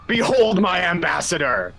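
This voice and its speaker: A man's voice: high voice, sing-song, normal speed, vocal fry, bright, forceful tone, voice pushed up, heavily acted. A man voicing a menacing, haughty mountain spirit in a tabletop game, with grandiose, imperious declaiming. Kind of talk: tabletop role-play.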